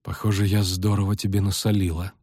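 A male reader voicing an exhausted, sardonic sorceress who speaks low, strained and muttering. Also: level tone, fairly quick, dark tone, no echo, clean studio sound. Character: battered weary sardonic sorceress woman.

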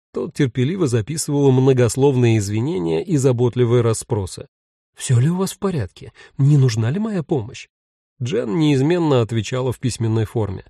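A man's voice: mid-range voice, creaky, warm tone, no echo, clean studio sound. A man narrating a story audiobook in a wry, ironic storytelling manner.

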